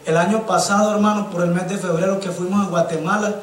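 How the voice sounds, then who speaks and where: High-voiced preacher in an echoey church. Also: male voice, steady tone, fast talker. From Colombia. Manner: impassioned storytelling, keeps addressing listeners as brother. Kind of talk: sermon. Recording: echoey church sound from a distant mic.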